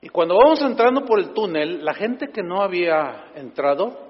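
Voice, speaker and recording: A man's voice: high voice, sing-song, moderate pace. A man with a Mexican accent, a pastor preaching an emphatic, humorous sermon and calling out to the congregation. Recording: echoey dull hall sound.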